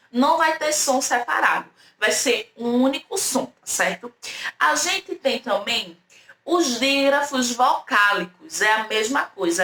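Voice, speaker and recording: A woman teacher giving a slow, patient online language lesson to young children, stressing each sound and asking them to repeat after her. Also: sits high, fairly bright tone, roomy sound.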